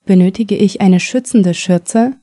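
An adult male patient with a hurt arm, read by a woman in a mellow, dry, plain voice. He asks questions in an even, unhurried way. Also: high-pitched, dry recording.

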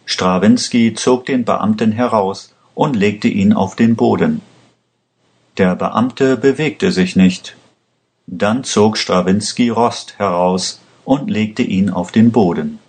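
A man reading a story aloud in a plain, even storybook manner. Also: on the low side, slow. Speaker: narrator. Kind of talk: slow scripted story narration.

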